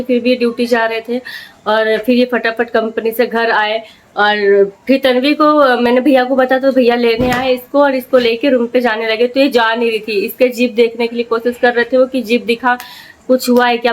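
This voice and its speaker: A young woman, a mother, chatting casually to camera in a home vlog and telling her story with lots of fillers. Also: fairly high pitch. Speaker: vlogger, mother.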